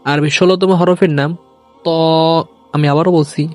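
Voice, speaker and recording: A man teaching Arabic letter sounds in a video lesson, saying each letter slowly and then repeating it for learners to copy. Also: fairly high pitch, steady tone, a little mellow, faint music behind.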